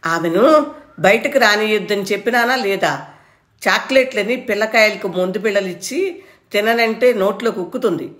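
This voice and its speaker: A woman's voice: mid-range voice, moderate pace, a bit bright, roomy sound, pitched above the performer's own voice, close to an everyday voice. A woman voicing a stern grown village son who talks curtly and with exasperation, in a storybook reading. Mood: exasperated.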